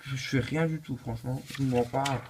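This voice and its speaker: A performer voicing a lazy, laid-back male quiz contestant who talks in a low, lazy mumble. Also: fairly even intonation, moderate pace, darkish tone, husky.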